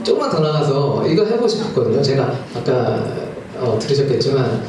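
Onstage at a small live club, a man in his thirties, a singer-songwriter, jokes with his audience between songs, friendly yet a bit nervous. His mid-range voice swings widely in pitch and moves fairly quickly. A distant mic picks up echo, background noise, and music.

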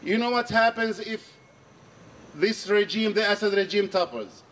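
A middle-aged man from Syria giving an earnest, measured speech at an outdoor protest, repeating key phrases for emphasis. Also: high voice, fairly bright tone, distant mic, a little hiss or hum. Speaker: archbishop speaking at a rally. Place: outdoor square under trees. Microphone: handheld mic on a stand.

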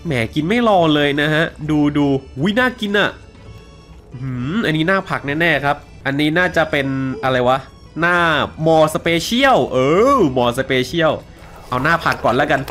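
A man's voice: on the high side, normal speed, pushed and bright, soft background music. A man doing casual, crude and joking commentary while dubbing a horror game, swearing at its characters. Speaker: gaming YouTuber dubbing a game.

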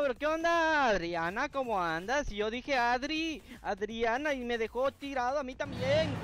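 High-voiced slangy streamer man. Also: fairly bright tone. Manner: slangy, chatty, reads out viewers' names. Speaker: gaming streamer. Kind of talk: casual live-stream gameplay chat. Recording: game music clearly heard behind. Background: game music.

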